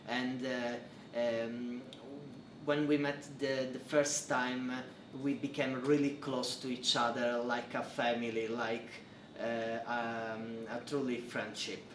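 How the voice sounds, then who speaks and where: Answering interview questions as a PhD researcher, a young adult man from Italy uses English, his second language, with an Italian accent and a mid-range voice. He is hesitant, full of fillers, restarts and non-native phrasing, and the recording is roomy and distant with faint noise.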